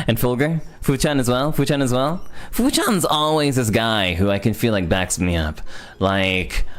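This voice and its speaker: A man hosting his birthday stream, chatting casually, excitable and laughing, with frequent stammered restarts. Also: mid-range voice, a little slow.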